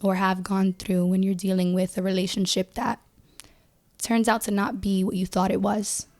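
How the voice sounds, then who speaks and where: A woman's voice: medium pitch, flat delivery, moderate pace, a little mellow. A woman singer guesting on a podcast, talking casually with many "like" fillers and some swearing. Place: podcast studio.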